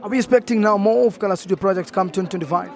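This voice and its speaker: A man's voice: sits high, rapid-fire, creaky. A man hosting a live radio interview at an outdoor event, a hype presenter full of enthusiastic interjections. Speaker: radio host. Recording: crowd noise behind the voice.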